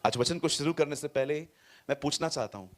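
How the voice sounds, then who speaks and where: Animated male pastor preaching in a hall. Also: fairly high pitch, a little fast. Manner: animated preaching, jumps between loud and soft, mixes in English words. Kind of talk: sermon. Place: church hall with a congregation.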